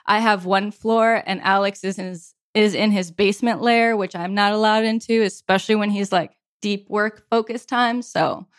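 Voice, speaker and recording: A woman's voice: mid-range voice, steady tone, normal speed, few pauses, dry recording. A woman chats easily on a podcast, dropping filler words and laughing often. Her voice sits mid-range. The sound is dry and close with no room in it. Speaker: podcast guest, software developer. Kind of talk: casual podcast chat.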